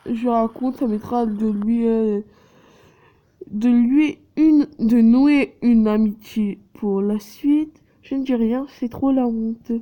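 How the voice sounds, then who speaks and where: A woman reading the dialogue of a dating game aloud, slowly and haltingly, correcting herself as she goes and adding her own asides. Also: a little high, lo-fi sound.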